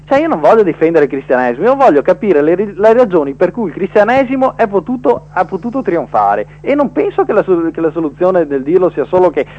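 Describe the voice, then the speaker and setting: A man's voice: sits high, very animated, fairly quick, hardly any pauses, darkish tone. Hesitant male caller over the phone. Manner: hesitant, many fillers and restarts. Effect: heard over the phone line. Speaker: radio call-in caller. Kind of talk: casual debate on air. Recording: muffled phone-line audio.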